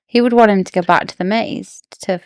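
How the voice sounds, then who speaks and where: A woman's voice: mid-range voice, brisk, darkish tone, no room sound, studio quality. A woman co-hosting a podcast, casually discussing a book and musing over plot theories. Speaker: podcast co-host.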